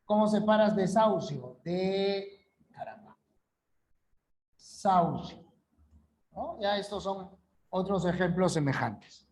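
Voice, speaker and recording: A man's voice: high voice, a little slow, a little mellow. A male language teacher giving an online class lecture, repeating key rules and checking understanding with short questions.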